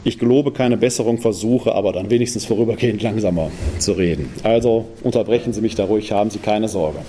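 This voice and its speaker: A man from the Ruhr area in Germany giving a public lecture in a parish hall, talking quickly and posing pointed rhetorical questions. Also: on the low side, warm tone, slight background noise.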